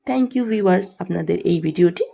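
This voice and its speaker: A woman with a Bengali accent, hosting a slow, careful alphabet pronunciation lesson and repeating each word deliberately. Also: on the low side, gravelly, dark tone. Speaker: English teacher and channel host.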